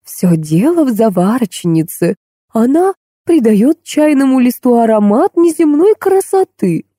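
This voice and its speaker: A woman's voice: fairly high pitch, expressive, moderate pace, mellow, no room sound, clean studio sound, voice pushed up. A woman voicing a fussy, soothing older nanny in an audiobook. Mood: fussing. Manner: fussing, soothing.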